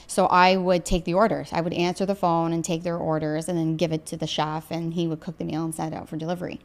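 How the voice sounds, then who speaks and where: A woman's voice: on the low side, little pitch movement. Chatty woman co-host from Ontario. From Ontario, Canada. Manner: chatty, quick to laugh. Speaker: podcast co-host. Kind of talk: casual chat.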